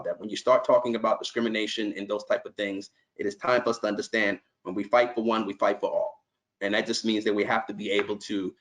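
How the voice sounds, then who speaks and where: A middle-aged New York man who runs a nonprofit addresses a conference call with earnest, conversational remarks, frequently restarting his sentences. His voice is lowish with a fairly bright tone, and the audio is poor.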